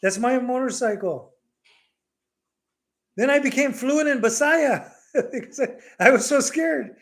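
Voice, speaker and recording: A middle-aged man hosting a casual live Q&A at home, telling a story with animated energy and mixing Bisaya words into his English. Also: very high voice, normal speed. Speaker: livestream host.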